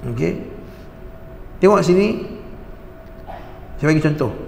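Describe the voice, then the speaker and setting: A man with a high, gravelly voice teaches a religious class at an unhurried pace, stopping often to quiz his listeners and repeat key words. His voice rings through a reverberant hall with faint noise underneath. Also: expressive, a little mellow. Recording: echoey hall with long reverb.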